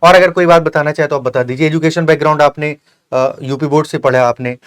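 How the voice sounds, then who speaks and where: Earnest lecturing man, slightly high voice. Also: steady tone, fast talker, clean tone. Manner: earnest, repetitive, lecturing with many fillers. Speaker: host of a coaching channel. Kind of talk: interview with a successful candidate.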